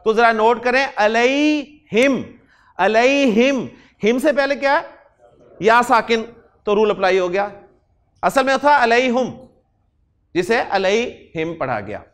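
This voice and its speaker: A man from Pakistan teaching Arabic grammar in a lecture, explaining step by step, slowing down to spell out Arabic words and answering his own questions. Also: extremely high pitch, fairly bright tone, clear, resonant tone. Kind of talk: classroom lecture.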